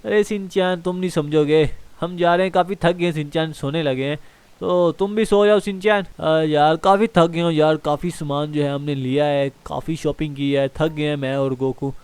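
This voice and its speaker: A man's voice: fairly high pitch, steady tone, normal speed, a little mellow, clear, resonant tone, natural voice. Franklin, a chatty laid-back guy voiced by a man. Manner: chatty, uses "yaar" a lot, talks to viewers. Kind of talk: fan game role-play voicing.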